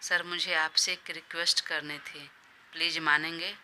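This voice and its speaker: A scheming young female assistant in an audio story, read by a woman. She speaks low and flat with a bright, cutting tone and a faint hiss behind. Her manner is pleading and sweetly persistent. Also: moderate pace. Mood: coaxing. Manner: pleading, coaxing.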